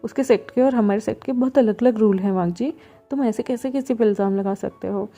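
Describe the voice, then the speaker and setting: Reading a storybook in a gentle mood, a woman voices a kind, caring older brother who soothes and also scolds firmly. Her voice is fairly high, fairly quick, and mellow, with faint music behind.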